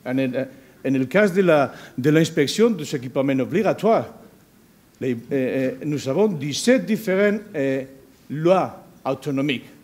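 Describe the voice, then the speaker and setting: Halting Spanish-accented man presenting, mellow voice. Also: fairly high pitch, lively intonation. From Spain. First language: not a native French speaker. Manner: foreign-accented, halting French with frequent word searching. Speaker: university researcher giving a presentation. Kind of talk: conference presentation.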